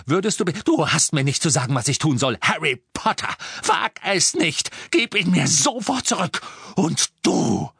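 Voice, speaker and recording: A man voicing a furious, shrill young witch who shrieks sharp, sarcastic accusations. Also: huge pitch swings, normal speed, few pauses, breathy edge, dry recording, clean studio sound, heavily acted.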